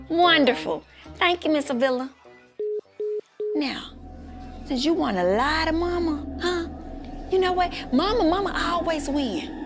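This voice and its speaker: Woman acting a sassy, high-pitched scolding mom. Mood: falsely polite, then scolding, indignant. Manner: exclamatory, repeats phrases for emphasis. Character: sassy, scolding, theatrical mother who won't be outsmarted. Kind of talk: comedy skit acting. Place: living room of a house.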